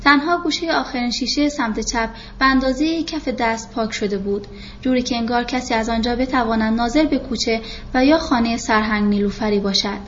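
A woman calmly reading a novel aloud as the narrator of an audiobook. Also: on the high side, dull audio, a little hiss or hum.

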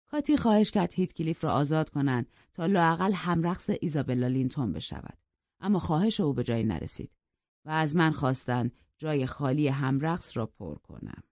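An audiobook narrator reading a novel in an even, calm and soft-spoken way. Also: mid-range voice, dry recording. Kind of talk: scripted storybook narration. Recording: dull lo-fi dry recording.

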